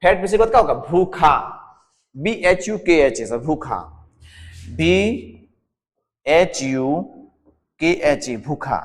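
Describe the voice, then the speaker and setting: A man's voice: a little high, animated, takes it slowly, pauses often, big-room sound. A man with a Jharkhand Hindi accent teaching an exam-prep lesson, quizzing the class and repeating each term again and again. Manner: drills answers as questions, repeats each term; constantly adds a respectful "sir" to the students. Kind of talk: whiteboard lesson with a mnemonic.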